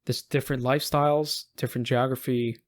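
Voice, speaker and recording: An American man talks through ideas on a casual podcast, circling back and restarting his sentences as he goes. His voice sits in an ordinary middle register. He slips into quick quoted voices to make his points. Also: mid-range voice, level tone. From United States. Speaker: podcast co-host.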